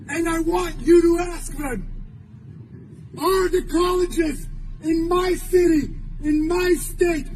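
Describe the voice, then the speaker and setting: A man in his forties giving an emotional rally speech, shouting with forceful repetition. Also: extremely high pitch, slight background noise, poor audio. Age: 40s. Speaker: university employee speaking at a rally.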